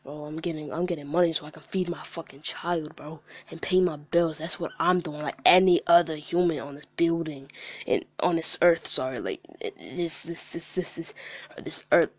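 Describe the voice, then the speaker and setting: A man's voice: fairly high pitch, no echo. A man speaking in a candid casual chat as a guest, heated and profane and often repeating himself.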